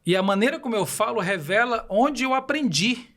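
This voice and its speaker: Explaining ideas on a podcast, this man from Belém do Pará uses a Paraense Brazilian Portuguese accent and poses rhetorical questions along the way. His voice sits high and a bit bright, expressive but at a normal speed, and his manner is didactic.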